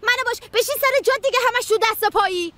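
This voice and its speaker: A brisk scolding mother, very high voice, dubbed drama. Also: pushed and bright, a little hiss or hum. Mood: fussing. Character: busy fussing mother at breakfast. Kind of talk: Persian drama dubbing.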